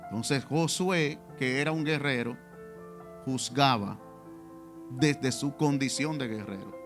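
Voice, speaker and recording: A man's voice: medium pitch, slow pace, music in the background. A man preaching a testimonial sermon in church, speaking directly to the congregation with rhetorical questions. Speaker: pastor.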